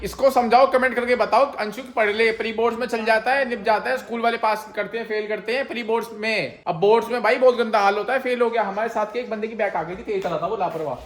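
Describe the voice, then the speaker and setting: A man's voice: high-pitched, fairly even intonation, fast, few pauses. A young man filming a casual family vlog at home, teasing and scolding his younger brother on a phone camera. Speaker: family vlogger.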